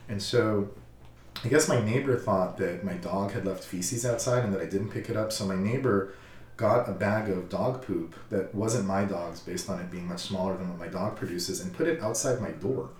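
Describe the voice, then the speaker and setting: Calm male counselor, low voice, reflective and halting; roomy, slightly distant sound. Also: a little hiss or hum. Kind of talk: casual personal storytelling.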